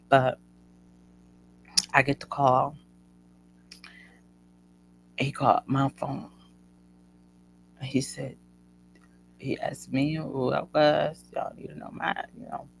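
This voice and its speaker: A woman's voice: a bass voice, gravelly, a little hiss or hum, rough recording. A woman hosting a show who tells a personal story in a casual, chatty way and keeps addressing her listeners as "y'all.". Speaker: host.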